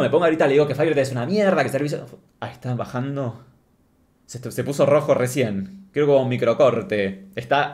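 A man with an Argentine accent telling a comic story as a streamer, ranting in a crude, sarcastic way. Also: mid-range voice. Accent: Argentine Spanish.

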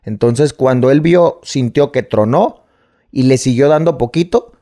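A man's voice: mid-range voice, unhurried, dark tone. Mexican man telling a story, slang-heavy. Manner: swears freely, fills every phrase with slang tags. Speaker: guest. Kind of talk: casual storytelling.

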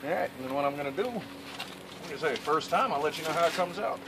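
A man's voice: a little high, lively intonation, a little fast, very noisy. A middle-aged man with a Southern US accent, casually narrating a backyard cooking video in a folksy, self-amused way. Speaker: cooking channel host. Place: backyard outdoors, then indoors at home. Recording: insects and crickets behind.

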